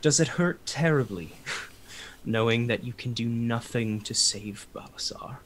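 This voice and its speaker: A man's voice: mid-range voice, a little hiss or hum, natural voice. A man putting on a sly, whispering vampire lord. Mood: gloating. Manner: mocking, slow, dropping to whispers.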